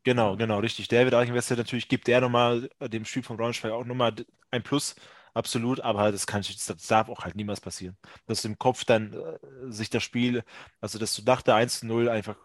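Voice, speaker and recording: A man's voice: mid-range voice, steady tone, brisk, no room sound, clean studio sound. Man casually analysing a football match. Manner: analytical, thinks aloud with restarts. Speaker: football podcast host.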